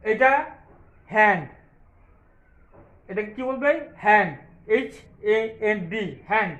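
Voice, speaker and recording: A man with a very high voice teaches young children, spelling each word out slowly and repeating it. He asks a question and answers it himself. The room around him sounds echoey and open. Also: fairly bright tone, dull audio. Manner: spells words out letter by letter and answers his own questions; patient, repetitive, slow explaining. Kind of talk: classroom lesson for young children.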